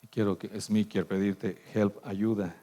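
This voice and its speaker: A man's voice: lowish voice, flat delivery, measured pace. Bolivian man preaching with surges. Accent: Bolivian Spanish. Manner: preaching with sudden loud rises and soft drops. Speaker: pastor. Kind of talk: sermon.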